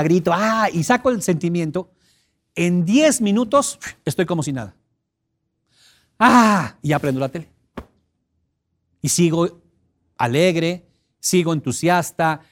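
A middle-aged man giving an expressive teleseminar talk, emphatic and repetitive, breaking into sudden loud cries to illustrate a point. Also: a little high. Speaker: personal development teleseminar speaker.

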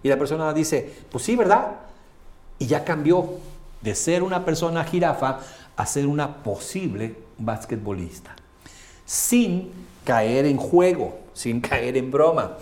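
A man's voice: a little high, lively intonation, measured pace, darkish tone. A man with a Mexican accent, teaching a coaching lesson with frequent hesitant filler sounds. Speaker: coaching instructor.

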